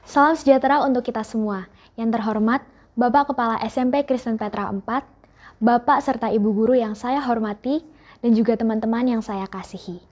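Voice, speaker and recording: A teenage girl speaks in a slightly high voice. She delivers a formal farewell speech for her class with a measured, earnest manner, speaking slowly and carefully as she addresses her teachers and classmates. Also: darkish tone. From Indonesia. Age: teens. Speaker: student speaker.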